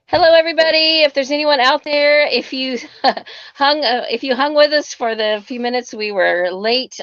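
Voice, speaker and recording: A woman's voice: medium pitch, fairly bright tone. A woman hosting a casual live-stream book interview, heard over a phone. She talks in a chatty, upbeat way with many fillers and restarts. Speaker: host. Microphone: phone mic. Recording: dull, dry phone audio.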